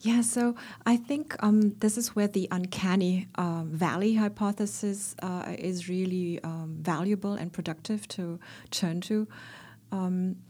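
Woman guest, fairly low voice, hesitant, lots of ums. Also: fairly even intonation, measured pace, mellow. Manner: hesitant, many fillers. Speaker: guest, puppetry instructor. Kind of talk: interview answers.

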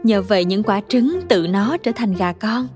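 A woman doing a gentle, patient mother. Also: fairly high pitch, normal speed, faint music behind, natural voice. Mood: tender. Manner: soft, patient explaining. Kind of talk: storybook reading.

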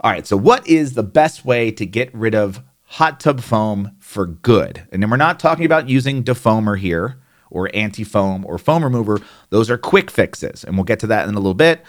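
A man with a New Jersey accent explaining hot tub care in a conversational, plainspoken way, with fillers and asides. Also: lowish voice. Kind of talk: instructional explainer.

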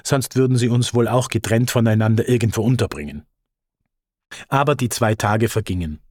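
A man's voice: lowish voice, normal speed, a little mellow, no room sound, clean studio sound. A man from Iran reading his memoir audiobook, talking straight to the listener with wry quiz-show asides. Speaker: audiobook narrator.

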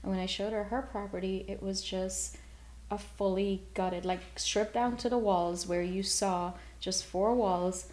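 A woman from Guyana, a real estate agent, talking as a guest in an interview with energetic, quick restarts. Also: medium pitch.

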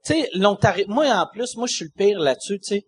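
A man's voice: high voice, fast, a little hiss or hum. A man from Quebec with a Québécois accent, hosting a casual podcast chat and telling rambling stories. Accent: Québécois French. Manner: animated, rambling storyteller. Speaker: podcast host.

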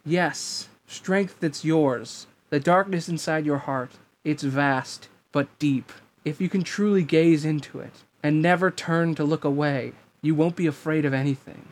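A man putting on a soft-spoken girl from a storybook, calm and reassuring, her voice pitched noticeably above a normal male reading voice. She speaks with gentle encouragement and steady warmth. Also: a little slow, few pauses, close to an everyday voice. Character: gentle mysterious girl guiding a lost boy.

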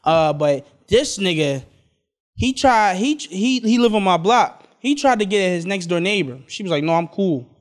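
High-voiced young man rambling stories. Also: expressive, moderate pace. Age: 20s. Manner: rambling, laughing storyteller. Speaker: podcast co-host. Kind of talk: casual chat.

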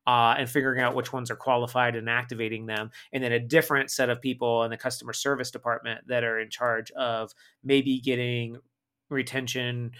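A man's voice: medium pitch, clean tone. A man being interviewed on a podcast, talking emphatically and often ending points with "right?". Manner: energetic, emphatic, frequent "right?" tag questions. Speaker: guest marketing expert.

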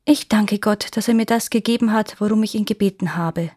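A woman's voice: mid-range voice, fairly quick, darkish tone, slightly rough, no echo, studio quality, natural voice. A woman reading a fairy tale, voicing a peasant woman who longs for a child. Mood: grateful. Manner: earnest, pleading.

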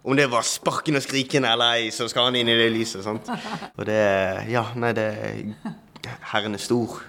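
A man, a talk-show guest, telling his story in an animated way with many fillers and restarts. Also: medium pitch. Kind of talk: testimony in a talk-show interview.

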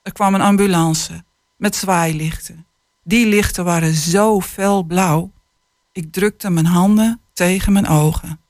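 A woman author, a guest on a radio show, speaking in a measured, somewhat hesitant way and reading from her book. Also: fairly low pitch, steady tone, a little mellow, no room sound, studio quality. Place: radio studio. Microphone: studio microphone.

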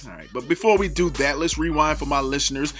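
A man's voice: fairly high pitch, fast talker, fairly bright tone, faint music behind. A man hosting a radio interview show, hyped up and rambling through long questions full of fillers.

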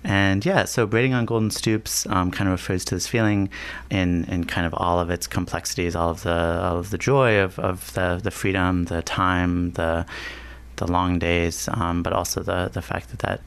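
Composer guest, male, from D.C.; gravelly yet smooth-toned, hesitant and reflective. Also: low voice, steady tone. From Washington, D.C., USA. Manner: halting, restarts phrases, searching for words. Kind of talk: thoughtful conversational interview.

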